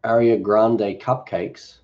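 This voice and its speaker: A middle-aged Australian cooking-channel host reads and answers viewer questions on a live stream, relaxed, rambling, and joking. He speaks slowly in a lowish voice, and the audio sounds dull.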